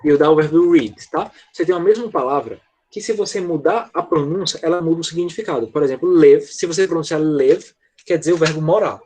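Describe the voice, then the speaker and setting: A man teaching a grammar lesson in an online class, patiently checking in with his students and slowing down to model words. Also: fairly high pitch, darkish tone, a little hiss or hum. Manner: slows down to model English words. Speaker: English teacher.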